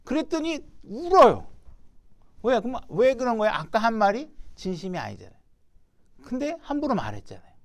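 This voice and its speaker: A man's voice: extremely high pitch, wildly swooping pitch, moderate pace, creaky. A man preaching a sermon as pastor, talking conversationally and putting rhetorical questions to his congregation. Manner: reads scripture aloud, then acts out its speakers.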